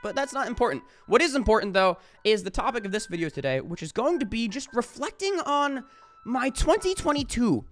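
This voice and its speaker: A man's voice: very high voice, sing-song, a little fast, a bit bright. A man talking to camera in a casual vlog, rambling with lots of fillers and casual swearing. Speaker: YouTuber.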